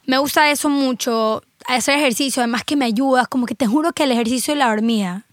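High-voiced chatty woman, dry sound. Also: fast talker, no echo. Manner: chatty, animated storytelling. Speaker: guest. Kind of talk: casual chat.

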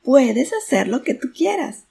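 A woman voicing a mountain echo that shouts back every word. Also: high voice, sing-song, unhurried, gravelly, breathy edge, pitched above the performer's own voice, heavily acted. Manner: shouted repetition.

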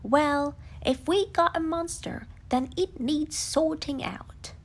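A woman voicing a brisk, take-charge rabbit with a decisive manner. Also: high voice, voice pushed up.

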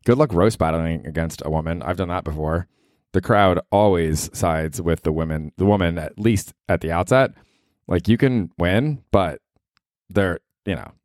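A man's voice: low voice, moderate pace, a little mellow, no room sound, clean studio sound. An American man hosting a solo comedy podcast in casual chat, profane, rambling and self-mocking. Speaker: podcast host.

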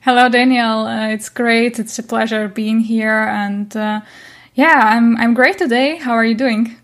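A young Ukrainian woman, a chess coach appearing as an interview guest, speaks non-native English with a Ukrainian accent. Her voice is a little high and fairly even in intonation, and she talks a little slowly and hesitantly in a casual interview chat.

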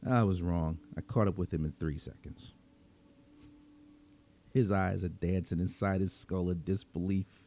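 A man with a deep, steady, dark voice narrates a dramatic first-person story as a cynical, menacing vigilante vampire. His delivery is sardonic and slangy, broken by dramatic pauses, with a grim, wry mood.

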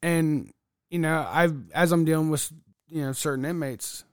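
A man's voice: a little high, steady tone, moderate pace, smooth, no room sound, clean studio sound. A man working as a corrections officer, a podcast guest telling blunt, profane stories in casual chat.

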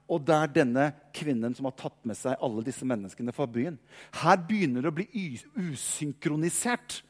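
Man preaching lively in a reverberant hall. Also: fairly high pitch. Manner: lively storytelling, acting out quoted voices, repeats words. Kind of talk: sermon.

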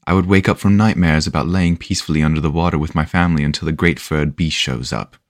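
A man voicing a young woman who speaks bluntly and deliberately. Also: rumbling low, fairly even intonation, no echo, studio quality.

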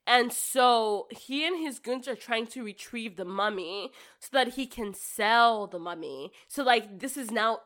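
A woman's voice: fairly high pitch, lively intonation, measured pace, hardly any pauses, fairly bright tone. A woman co-hosting a casual movie chat, talking in a chatty, giggly way with lots of fillers. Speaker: podcast co-host.

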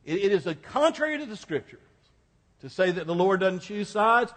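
Guy preacher with a pretty high voice, talks plain and folksy, repeats stuff for emphasis, big reverby hall. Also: sing-song, moderate pace, a bit bright. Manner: emphatic repetition for effect; colloquial, conversational phrasing. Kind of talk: sermon to a congregation. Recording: echoing hall, long reverb.

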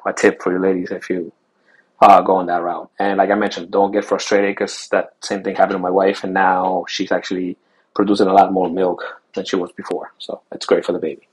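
A man's voice: fairly low pitch, breathy edge, low-quality recording. A young man from Chile hosting his own podcast as a new father, talking casually with many fillers and restarts. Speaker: podcast host. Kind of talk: casual solo podcast talk.

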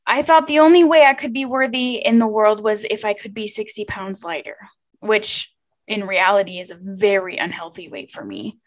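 A woman's voice: mid-range voice, moderate pace, low-quality recording. A young woman hosting a podcast, talking alone in a chatty, informal and confiding way about personal things. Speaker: podcast host.

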